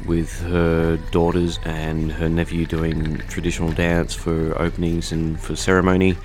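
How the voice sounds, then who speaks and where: Deep-voiced man hosting a podcast. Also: a little slow, faint music behind. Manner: relaxed, conversational, with fillers. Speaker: podcast host. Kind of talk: casual spoken intro and interview. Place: recording studio.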